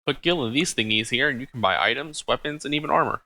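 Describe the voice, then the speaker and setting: A man's voice: medium pitch, quick pace, sharp tone, no echo, pitched above the performer's own voice. A man reading aloud the lines of an old woman sage who guides the party through a video game, in an instructive tone.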